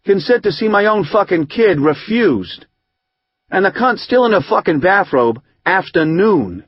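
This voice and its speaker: A man reading an audiobook, voicing a rough, hot-tempered recovering drinker who rambles in profane street slang. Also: high voice, sing-song, a little slow, no room sound, lo-fi sound, pitched above the performer's own voice, full character voice. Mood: aggrieved. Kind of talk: audiobook narration.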